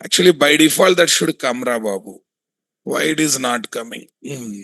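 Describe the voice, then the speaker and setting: A man with a Telugu Indian accent giving a hands-on software tutorial, thinking aloud, repeating himself and often putting questions to his students. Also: mid-range voice, expressive, normal speed, no echo. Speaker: software testing instructor.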